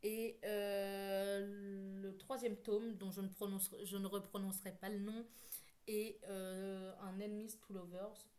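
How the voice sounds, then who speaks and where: A woman's voice: mid-range voice, flat delivery, slow pace, dark tone. Rambling French-speaking woman book vlogger. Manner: rambling with many fillers and self-corrections. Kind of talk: casual chat.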